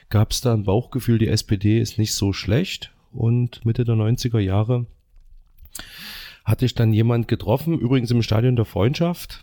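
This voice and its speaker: Mellow middle-aged man chatting as a guest. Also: mid-range voice. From East Germany. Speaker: podcast guest. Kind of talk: casual interview storytelling.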